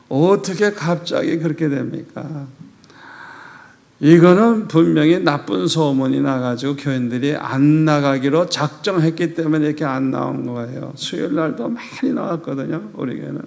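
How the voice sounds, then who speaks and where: An older male pastor delivers a revival sermon in a gravelly voice. He tells his stories with animation and acts out the prayers and dialogue he quotes. His pitch sits a little high for a man. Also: measured pace.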